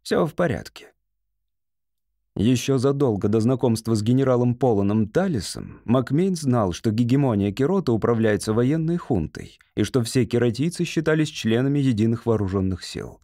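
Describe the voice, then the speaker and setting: A man's voice: medium pitch, animated, a little fast, few pauses, dark tone, no echo. Man narrating an audiobook, dry sound. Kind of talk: scripted narration.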